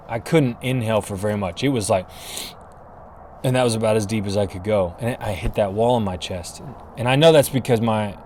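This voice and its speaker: A man's voice: on the low side, darkish tone, slight background noise. Earnest man podcasting outdoors. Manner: earnest, encouraging, self-correcting with restarts. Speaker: podcast host. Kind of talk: casual solo podcast talk. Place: outdoors in the cold. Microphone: camera and mic, filming himself.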